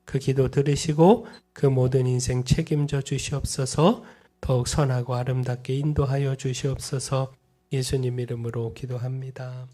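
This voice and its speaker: A middle-aged male pastor preaching a sermon and closing in prayer, rising to fervent emphasis and then dropping to hushed, earnest pleading. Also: mid-range voice, level tone, normal speed.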